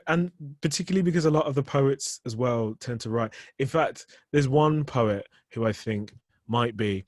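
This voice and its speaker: Man, light Birmingham accent, low voice, dry close sound, laughs a lot, casual talk. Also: dry recording. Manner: laughs often, loose and animated, with many restarts. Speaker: poet guest. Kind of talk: casual conversation.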